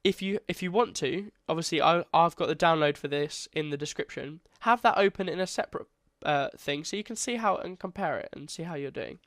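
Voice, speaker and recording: Narrating a screen-recorded coding tutorial, a stuffed-up young man stays casual and chatty, fixing his own slips along the way. He speaks a little fast with few pauses, in a fairly high, fairly bright voice, and the sound is dry and clean like a studio.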